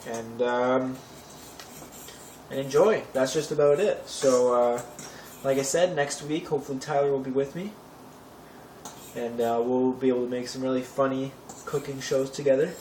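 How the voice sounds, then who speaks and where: A man's voice: mid-range voice, moderate pace, long pauses, a little mellow. Young man, casual cooking host, wry asides, echoey kitchen, distant camera mic, noisy pots and cutlery. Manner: offhand, chatty, wry asides. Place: home kitchen. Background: clattering pots and cutlery.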